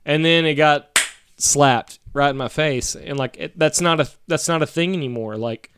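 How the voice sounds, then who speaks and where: A man's voice: a little high, moderate pace, fairly bright tone, clean tone, no room sound, clean studio sound. Profane rambling guy. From Texas. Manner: profane, rambling with many fillers. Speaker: podcast co-host. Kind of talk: casual crude banter.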